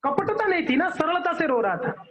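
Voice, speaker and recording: A man preaches in an animated, story-driven way, acting out characters and checking in with listeners. His voice is very high, and the recording sounds dull and lo-fi. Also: moderate pace, a crowd in the background. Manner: animated, acts out characters, asks the audience. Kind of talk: devotional sermon with storytelling.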